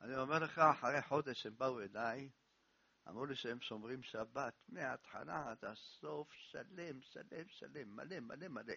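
A man giving a sermon, telling stories as a lively storyteller who repeats words for emphasis, in a dull, dry recording. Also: medium pitch, creaky, husky. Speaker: rabbi giving a lesson.

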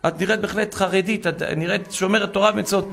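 A man voicing a harsh armed male terrorist who barks commands in a shrill, forceful voice. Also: fairly even intonation, gravelly, full character voice. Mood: scornful.

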